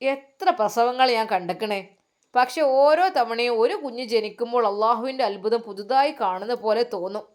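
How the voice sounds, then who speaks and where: A woman voicing a quiet, devout older midwife who speaks reflectively. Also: a little high, moderate pace, close to an everyday voice.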